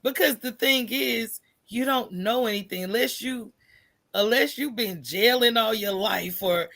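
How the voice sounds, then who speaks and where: This American woman has a fairly high, slightly slow voice with some vocal fry. As a guest on a podcast, she tells candid, conversational stories with animation, reenacting remembered exchanges and frequently checking in with a "right?"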